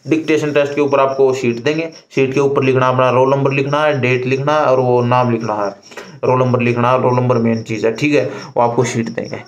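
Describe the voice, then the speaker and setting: A man's voice: mid-range voice, level tone, a little fast, muffled recording. A young man talks casually and repetitively from a room, giving advice like a vlogger to his viewers. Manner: chatty, repetitive, conversational advice. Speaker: exam candidate vlogger. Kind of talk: casual talk to camera. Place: indoor room.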